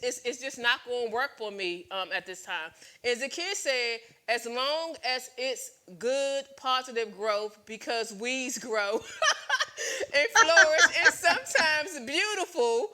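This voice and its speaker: A woman in her late forties, hosting a casual talk show. Her voice is bright and sits a bit high, and she talks candidly with lots of "um"s and restarts as she lays out her opinions. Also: takes it slowly. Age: 40s. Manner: candid, opinionated, many fillers.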